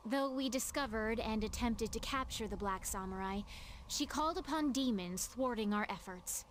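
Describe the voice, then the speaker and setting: Woman as a prim, high-voiced young samurai. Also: normal speed, slight background noise, close to an everyday voice. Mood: formal, composed. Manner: formal, composed. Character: formal young female samurai, prim and exasperated. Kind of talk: dramatic game voice acting.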